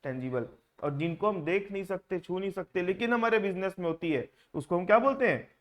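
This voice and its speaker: A man with a slightly high voice lectures a classroom of students in Hindi. He keeps asking them questions and slips English terms into his explanations. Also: expressive, brisk. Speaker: accounting teacher.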